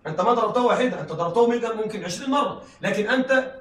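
High, fast-talking male teacher lecturing. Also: expressive, fairly bright tone. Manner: checks in with the class, frequent laughing asides. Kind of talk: classroom lecture on rhetoric. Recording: echoey room, mic at a distance.

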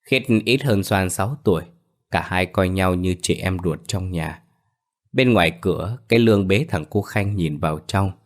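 Deep low male storyteller, steady scripted read. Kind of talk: scripted narration of a ghost story.

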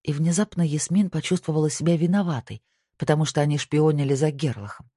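A woman narrating an audiobook in an even, measured reading. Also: low-pitched, slightly rough, no echo, clean studio sound. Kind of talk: scripted narration.

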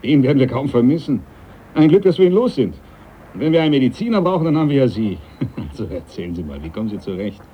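A man plays a pious, haughty young ship's captain in a radio drama. He is formal, sardonic and domineering, with a middling male pitch. The sound is narrow and phone-like over faint noise. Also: sing-song, fast talker, natural voice. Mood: patronising, probing. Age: young adult. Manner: imperious, formal, needling. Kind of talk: German radio drama acting.

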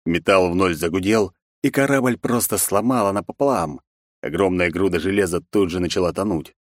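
A man narrating a first-person action audiobook in a measured, deadpan way. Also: deep voice, no room sound, studio quality.

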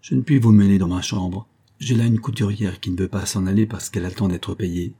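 Impatient, dramatic society mother, voiced by a male reader, husky low tone, audiobook. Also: fairly even intonation, a little fast, mellow. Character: anxious scheming society mother, middle-aged woman.

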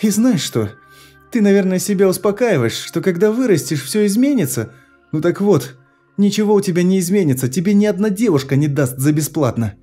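A man reading an audiobook, voicing a frightened, angry young woman who answers in sharp, indignant retorts. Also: high-pitched, very animated, moderate pace, faint music behind, pitched above the performer's own voice.

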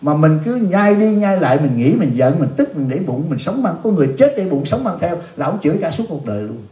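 A male Buddhist monk giving a dharma talk, his voice sitting a little high. He is blunt and scolding, teasing the audience as he answers their questions. The sound rings through an echoey hall. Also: very animated, a little fast, warm tone. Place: youth center hall.

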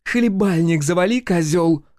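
A man's voice: fairly high pitch, animated, moderate pace, no echo, studio quality, voice pushed up, natural voice. A man voicing a fierce, scornful young woman. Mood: furious. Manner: sharp, scornful, snapping. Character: fierce hot-tempered young woman fighter, pregnant wife. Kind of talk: audiobook character voice.

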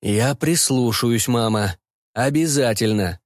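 A man's voice: mid-range voice, slow, no echo, studio quality, lightly acted. A man playing a flustered young detective who evasively defends himself to his mother. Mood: defensive. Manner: defensive, mumbling.

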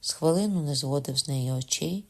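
A man narrating a historical novel as an audiobook, in a steady, measured reading. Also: on the high side, gravelly. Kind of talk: scripted literary narration.

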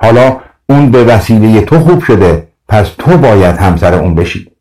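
A man's voice: lowish voice, mellow, far from the mic, lightly acted, low-quality recording. A man reading a coaxing old woman. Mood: insistent. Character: old woman, pleading and hopeful.

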